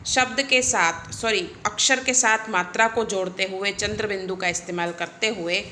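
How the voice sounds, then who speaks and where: A woman teaching young children, slow and patient, spelling out letters and often asking the class to repeat. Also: medium pitch, steady tone, sharp tone, slight background noise. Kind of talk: children's Hindi lesson.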